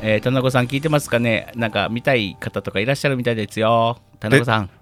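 A man's voice: medium pitch, quick pace, a bit bright, faint music behind. A man hosting a casual comic show, reading listener messages and bantering as the teasing, exasperated straight man. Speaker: show host.

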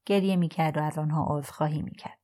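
Low-voiced woman narrating an audiobook. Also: fairly even intonation, warm tone. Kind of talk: scripted narration.

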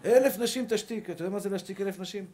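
A man's voice: sits high, warm tone, slight background noise. A male rabbi giving a sermon in an emphatic, rousing way, repeating short rallying calls.

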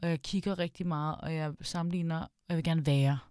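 A woman's voice: low-pitched, steady tone, dark tone, clean tone, no room sound, clean studio sound. A woman guest on a podcast chatting casually, hesitant with many fillers. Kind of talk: casual chat.

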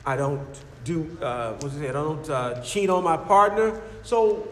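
A man's voice: a little high, a little slow, natural voice. A man voicing a scoffing male atheist who challenges a believer with mocking questions, in an echoey hall. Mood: defensive. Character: scoffing skeptical male atheist arguing at the door. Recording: echoey hall with faint noise.

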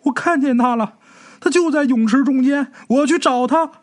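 A man's voice: very high-pitched, normal speed, pitched above the performer's own voice. A man voicing a grieving, reckless young female student, in a pleading, crying manner within a told ghost story. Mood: urgent. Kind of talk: storytelling with voiced characters.

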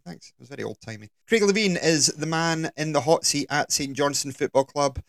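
A man's voice: a little high, brisk, gravelly, a bit bright, no echo. Jokey man hosting, dry sound. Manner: jokey, bantering presenter. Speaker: podcast host. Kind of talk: casual football chat.

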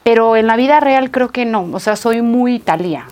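A woman's voice: on the high side, normal speed. A young woman, an actress guest chatting casually in an interview, telling stories with lots of laughter and acting out quoted lines. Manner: animated storytelling, acts out quoted lines, laughs often.

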